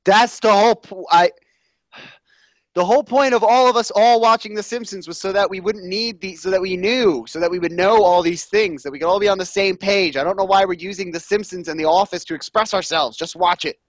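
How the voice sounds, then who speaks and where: Animated jokey male podcast host. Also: high voice, brisk, no echo. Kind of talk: comedic podcast banter.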